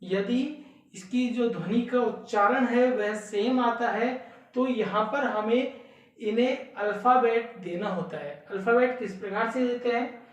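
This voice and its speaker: A woman with a slightly high voice teaches an exam prep lesson a little slowly, explaining step by step, repeating key words and posing rhetorical questions. The sound is lo-fi, with an echoey room and her voice far from the mic.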